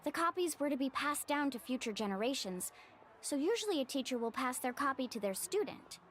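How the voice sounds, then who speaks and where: A woman's voice: sits high, big pitch swings, a little fast, fairly bright tone, slight background noise. A woman voicing an upbeat, earnest young female tour guide in a video game.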